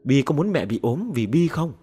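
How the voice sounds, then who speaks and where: A man voicing a gentle middle-aged Buddhist master who speaks softly and persuasively. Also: mid-range voice, very animated, moderate pace, breathy edge. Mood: coaxing.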